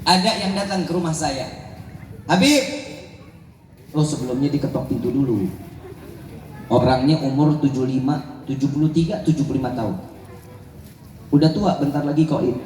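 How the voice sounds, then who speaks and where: A man's voice: fairly high pitch, animated, moderate pace, long pauses, a little mellow, slight background noise. A man preaching, telling a humorous story with slangy asides and Arabic phrases, and calling out to the crowd for answers. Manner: calls out to the crowd for responses. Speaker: preacher at a religious gathering. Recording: echoey hall with long reverb, faint ambience.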